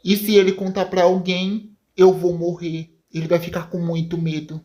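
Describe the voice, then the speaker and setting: A woman voicing a scheming villainous mother who plots in a low, hushed, deliberate voice. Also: level tone, lightly acted.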